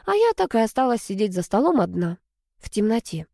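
A woman's voice: medium pitch, very animated, brisk, creaky, warm tone, no room sound, studio quality. Woman narrating a first-person story. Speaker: audiobook narrator.

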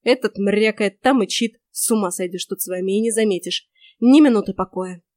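Woman doing a grouchy old witch, barks orders and scolds, loud and pushy, dry close sound. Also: mid-range voice, fairly quick, dry recording, lightly acted. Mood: scolding. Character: grumpy bossy old female witch. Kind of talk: audiobook character voice.

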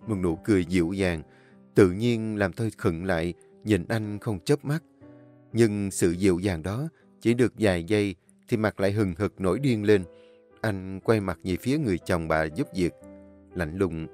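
A man narrating a first-person audio story with a measured, emotional reading. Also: fairly low pitch. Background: soft instrumental music.

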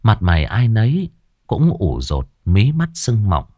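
Low-voiced, animated storyteller man. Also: measured pace, no room sound, studio quality. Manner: expressive storytelling. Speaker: narrator. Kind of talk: ghost story narration.

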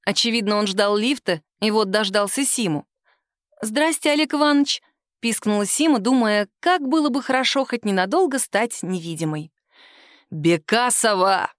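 A woman narrating a story aloud in an expressive audiobook reading. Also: medium pitch, brisk, hardly any pauses, no room sound, studio quality.

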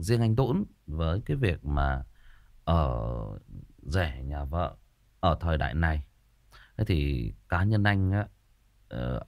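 A man shares a story in casual conversation, with a very low voice that rises and falls widely. He talks frankly, piles up fillers and repeats words. The sound is dry, with no room echo. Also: darkish tone.

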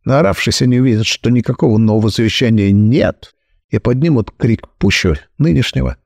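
A man voicing a calm, shrewd detective who explains matter-of-factly. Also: mid-range voice, gravelly, no echo, clean studio sound. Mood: quiet. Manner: brisk, matter-of-fact explaining. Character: calm, shrewd older male detective, brisk and dry.

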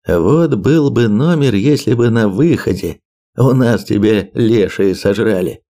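A man's voice: fairly low pitch, expressive, unhurried, mellow. A man voicing Baton, a wisecracking blunt leader. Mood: joking. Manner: joking, slangy, mocking.

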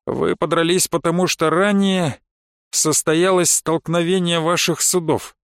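A man's voice: fairly high pitch, steady tone, a little slow, smooth, dry recording, clean studio sound. A man voicing a harried, short-tempered male senior guard who barks orders in a storybook reading. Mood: pondering. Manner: barking orders.

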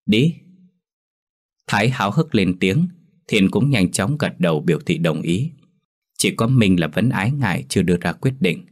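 A man narrating a folk ghost tale in a steady storytelling manner. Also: deep voice, normal speed.

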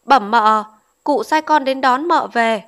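A woman's voice: high voice, slow, a bit bright. A woman doing a humble young manservant. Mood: deferential. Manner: deferential, polite address. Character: humble young male servant, deferential.

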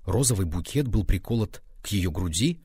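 A man narrating a literary story as an audiobook, with a measured, expressive reading. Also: deep voice, husky, dry recording.

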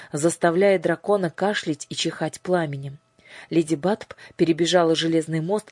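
A woman narrating an audiobook in a measured, expressive storytelling manner. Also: low voice, slightly rough, dry recording. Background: faint music.

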